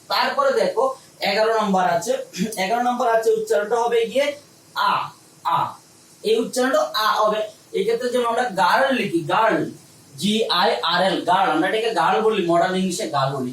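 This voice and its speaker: Male teacher, quick drilling delivery that answers its own questions, recorded a little off-mic in a roomy space. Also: high-pitched, a bit bright, distant mic. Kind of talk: recorded online lesson. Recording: echoey room, a little off-mic, faint hum.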